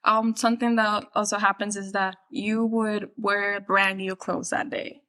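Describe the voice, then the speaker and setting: A woman's voice: medium pitch, little pitch movement, a little slow, sharp tone. A woman from the Dominican Republic chatting casually on a podcast as a guest, laughing often and filling with "like". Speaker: guest, production team member.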